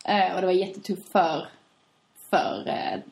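A woman in casual conversation, telling a story in an animated way and laughing often. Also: lowish voice, creaky. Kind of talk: casual chat. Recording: roomy echo.

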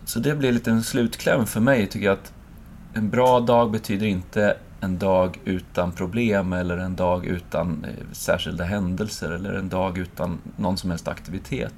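Thoughtful low-voiced man musing aloud. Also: fairly even intonation, creaky, darkish tone, a little hiss or hum. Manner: thoughtful, searching, acts out his own inner voice. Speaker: speaker and lecturer. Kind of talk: reflective conversation.

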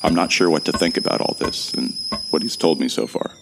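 In a sci-fi audio drama, a man narrates as a lost amnesiac from Earth, his extremely deep voice carrying a heavy creak. He sounds measured and reflective, with a bewildered, earnest streak, and the mood is introspective and tense. There is background noise in the recording.

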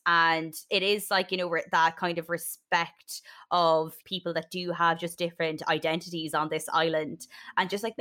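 Young female podcast co-host, west of Ireland accent, lowish register, earnest and conversational with halting phrasing. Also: fairly bright tone. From Sligo, west of Ireland. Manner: earnest, hesitant, frequent "like". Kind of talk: casual discussion.

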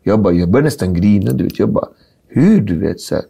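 A middle-aged man, telling a personal story in a casual conversation, animated and full of slang and fillers. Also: fairly low pitch, gravelly, husky. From Sweden. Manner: animated, acts out dialogue, street slang, lots of filler. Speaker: guest.

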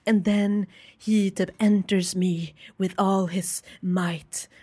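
A woman's voice: mid-range voice, fairly even intonation, darkish tone, breathy edge, voice pushed down, lightly acted. A woman putting on a sultry erotic audiobook narrator.

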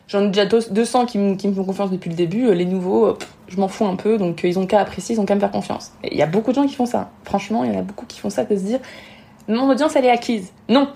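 With a warm, creaky voice of medium pitch, a woman on a podcast dispenses frank advice about social media. She's an Instagram marketing expert appearing as a guest. Her delivery is rapid and emphatic, and she likes to act out what others think.

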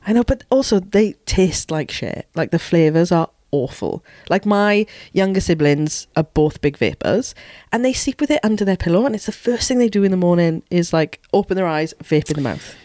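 A man as a podcast guest, chatting casually and telling gossipy, animated stories. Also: high-pitched, moderate pace, no echo, studio quality. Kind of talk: casual chat.

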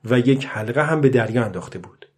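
Calm male audiobook narrator. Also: mid-range voice. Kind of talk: scripted narration.

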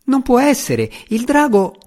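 A squeaky, fawning little sprite. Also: male voice, wildly swooping pitch, a little slow, darkish tone, exaggerated voice. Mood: startled. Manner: squeaky, pleading, babbling. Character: small fawning male sprite servant. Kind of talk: audiobook character voice.

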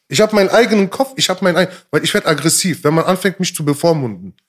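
A man with a high voice that leaps around a lot, talking as a rapper guest in a relaxed interview. He speaks emphatically in street slang, says things twice and keeps checking that his listener is following. The talk is casual and frank. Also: quick pace.

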